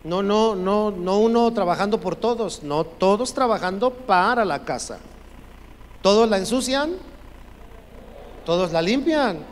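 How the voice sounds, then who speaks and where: High-voiced preaching man in a reverberant hall. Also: lively intonation, measured pace. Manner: emphatic, urges the congregation to repeat phrases. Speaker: pastor. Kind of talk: sermon. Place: church sanctuary. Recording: long reverb from a church hall, faint noise.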